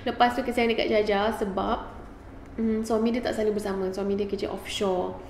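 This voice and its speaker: A woman's voice: medium pitch, level tone, brisk, a little mellow, reverberant, slight background noise. A woman, hosting a live Q&A and giving parenting advice emphatically, switching between Malay and English. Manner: emphatic, mixes Malay and English, repeats key points.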